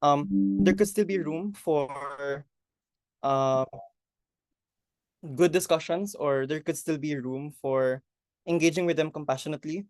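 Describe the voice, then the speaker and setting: A man's voice: on the high side, measured pace, long pauses, darkish tone, no room sound, studio quality. A man with a Filipino accent, a panelist answering a question thoughtfully on a video call and switching between languages. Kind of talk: online forum answer.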